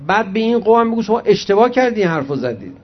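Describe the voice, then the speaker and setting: A man preaching a religious sermon, reciting Arabic hadith slowly and then explaining them conversationally to his audience. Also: high-pitched, faint music behind. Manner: animated storyteller addressing the audience directly. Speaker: cleric preacher. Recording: muffled lo-fi recording.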